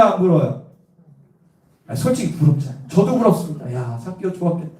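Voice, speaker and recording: Preaching in a church sanctuary, this high-voiced, middle-aged pastor from Cheongju, South Korea, gives an evangelistic sermon full of funny stories from his own life. He keeps things lively by asking the congregation questions, and the sound is distant and echoey.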